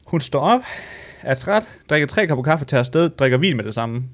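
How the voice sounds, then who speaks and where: A man's voice: on the high side, animated. A man co-hosting a casual chat, chiming in with teasing questions and laughs. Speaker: podcast co-host. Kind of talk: casual chat, quick reactions.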